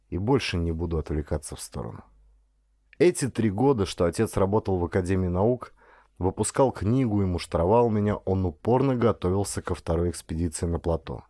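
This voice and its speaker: A man narrates a first-person story as an audiobook reader, dramatic and expressive with varied intonation. His voice sits low, and the recording is clean studio sound with no room echo.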